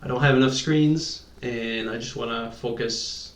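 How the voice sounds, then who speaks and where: A man with a French accent doing live, chatty commentary on a competitive online game, reacting quickly to plays. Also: mid-range voice, fairly even intonation. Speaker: esports commentator. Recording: echoey room, distant from mic.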